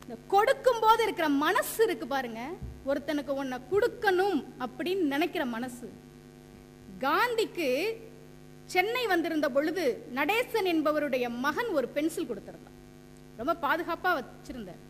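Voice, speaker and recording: A woman's voice: sits high, sing-song, moderate pace, a bit bright. A woman giving a stage debate speech, quoting scripture and poetry and acting out anecdotes. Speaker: debate speaker. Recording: echoey hall with faint hum.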